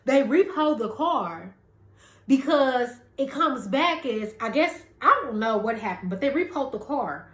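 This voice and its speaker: A woman's voice: high-pitched, animated, unhurried, fairly bright tone, reverberant. A woman podcast host, casually recounting gossip in a chatty way, hedging as she retells an argument.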